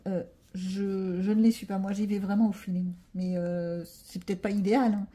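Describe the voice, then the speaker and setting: A woman's voice: mid-range voice, flat delivery, normal speed, warm tone. A woman with a French accent chatting casually as she colors, thinking aloud and poking fun at herself while explaining each step. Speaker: coloring vlogger. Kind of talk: casual narrated tutorial.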